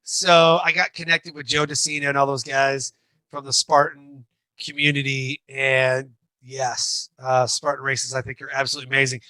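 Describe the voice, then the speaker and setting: A man in his forties, a podcast guest, talking in an energetic, rambling way. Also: mid-range voice, normal speed, no room sound. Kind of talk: casual interview chat.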